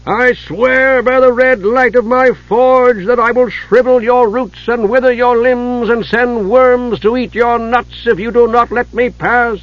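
A man's voice: extremely high pitch, fairly even intonation, unhurried, few pauses, no room sound, lo-fi sound, pitched above the performer's own voice. A man voicing a rotund male dwarf god, a smith, who talks in an anxious, stammering way. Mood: furious.

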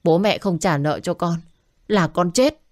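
Narrator putting on a sloppy drunk gambler son, whiny and selfish, in an audio story. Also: female voice, lowish voice, unhurried, no room sound, studio quality, lightly acted. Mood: bitter. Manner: slurred, whiny, demanding.

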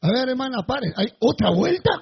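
High husky preaching man. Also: very animated, brisk, muffled recording. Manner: preaching with sudden shouted bursts. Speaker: pastor. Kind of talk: sermon. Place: church before a congregation.

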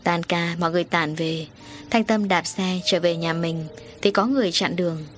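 A woman narrating an audiobook in a brisk, plain way. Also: lowish voice, faint music behind.

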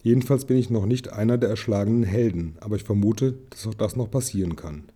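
A man reading the part of a weary, wounded male hobbit who speaks softly and a little shakily. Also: lowish voice, fast talker, slightly rough. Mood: musing. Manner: softly spoken, shaky.

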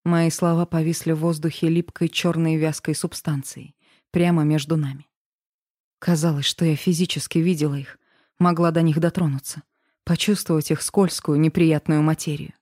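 A woman's voice: deep voice, little pitch movement, normal speed, warm tone, dry recording, clean studio sound. A woman narrating a first-person romance audiobook with an emotional, dramatic reading.

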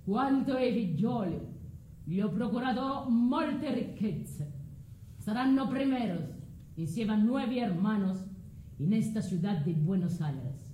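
A woman's voice: medium pitch, expressive, slow, warm tone, slight background noise. An actress playing Medea, a scorned foreign sorceress and mother, cunning and vengeful, in a declamatory tragic stage monologue that mixes in dialect and Spanish. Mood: feigned meekness. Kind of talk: solo stage monologue of classical tragedy. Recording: roomy stage sound with music.

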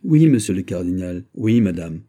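A man voicing a young king who speaks gravely and firmly, with a touch of irony, in a husky voice. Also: deep voice, sing-song, moderate pace, warm tone. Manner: grave, firm, slightly ironic. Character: young king, grave beyond his years.

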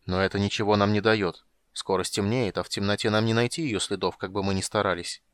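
A man voicing a burly, blunt warrior who grumbles and talks gruffly. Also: fairly low pitch, steady tone, brisk, fairly bright tone, dry recording, lightly acted.

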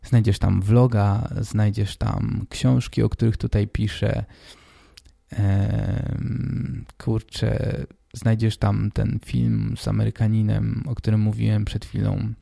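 A man in his twenties hosting a casual solo podcast, hoarse and congested with a stuffy nose, talking informally and directly to the listener. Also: on the low side, little pitch movement, takes it slowly, warm tone, no room sound, studio quality. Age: 20s. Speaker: podcast host.

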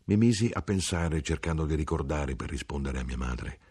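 A man giving an expressive, theatrical reading of a literary audiobook. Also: rumbling low, normal speed, breathy edge. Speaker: audiobook reader.

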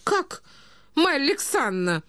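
A woman voicing a touchy, quarrelsome provincial lady who talks in a sharp, indignant way, clipping her words with a polite "-с" ending. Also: high-pitched, very animated, slow pace, clear, resonant tone, no echo, voice pushed up, exaggerated voice.

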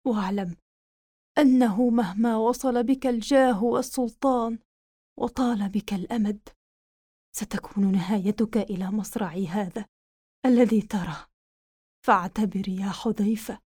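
A woman's voice: fairly high pitch, normal speed, natural voice. A woman voicing a dying male army commander who speaks faintly and solemnly, full of regret. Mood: solemn weak. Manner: faint, weak, solemn last words.

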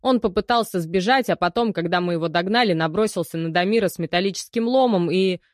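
A woman reading the part of an indignant male police operative, loud and defensive. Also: lowish voice, fast talker, dry recording, studio quality, lightly acted.

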